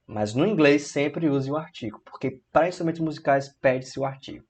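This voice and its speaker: A man with a Brazilian Portuguese accent teaching English grammar in an online lesson. He explains each rule step by step, reads the English examples slowly, and checks in often with "tá?" and "né?". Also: fairly high pitch, a little mellow.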